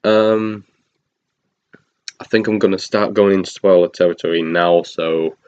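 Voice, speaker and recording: A man with a very deep voice talks through a film review in a loose, rambling way, full of ums, restarts and little chuckles. The recording sounds dull and lo-fi. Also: fairly even intonation, unhurried, a little mellow, clear, resonant tone. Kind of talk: casual spoken review.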